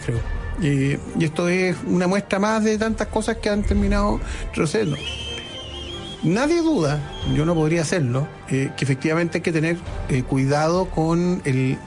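A man with a Chilean accent giving conversational political commentary as a radio panellist, often halting and rephrasing. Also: a little high, vocal fry.

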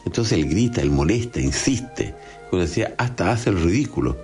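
Chilean man with a deep, lively voice. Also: fairly quick, faint music behind. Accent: Chilean Spanish. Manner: conversational, often adds tag questions. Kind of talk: homily on a gospel passage.

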